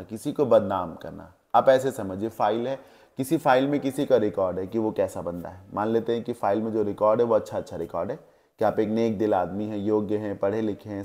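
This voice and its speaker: This male teacher's voice sits on the low side with a dark tone. Walking his class through English vocabulary, he offers Hindi equivalents and pauses to ask checking questions.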